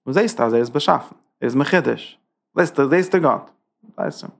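A man's voice: medium pitch, expressive, a little fast, creaky. A man teaching a Torah class as a rabbi, driving his points with rhetorical questions and emphatic repetition. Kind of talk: Torah lecture.

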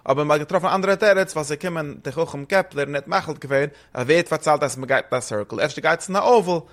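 Fast and rambling, a man mixes German with Hebrew and English terms as he explains a religious text in casual study talk. His voice is a little high with a fairly bright tone.

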